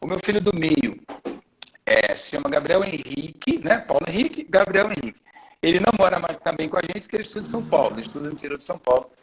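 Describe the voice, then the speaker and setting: Husky man in his forties. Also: fairly high pitch, sing-song, fast, poor audio. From Rio de Janeiro, Brazil. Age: 40s. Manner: friendly, chatty, self-introducing at length. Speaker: podcast guest. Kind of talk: personal testimony in a live podcast interview.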